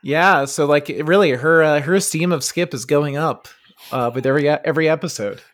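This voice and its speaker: A fairly high-voiced man, bantering casually with fellow players at a tabletop game. He talks in an animated way and jumps in to object. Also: fairly quick.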